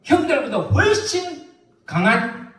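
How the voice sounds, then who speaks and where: A man preaching a sermon as a pastor, telling a story with lively rhetorical questions. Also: extremely high pitch, slow, roomy sound, recorded from a distance.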